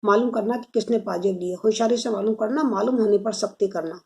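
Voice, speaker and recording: A strict middle-aged father barks orders and scolds his boy, as a woman reading the story puts him on. The voice is gravelly and mellow. It keeps a commanding, impatient edge. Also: medium pitch, a little fast, natural voice. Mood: stern.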